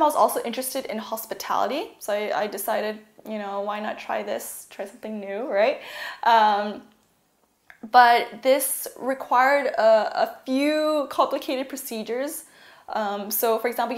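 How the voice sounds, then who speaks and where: In an echoey room, a young university student from California, USA, speaks in a fairly high voice while casually presenting on her studies. Her talk is sprinkled with "like" and "um."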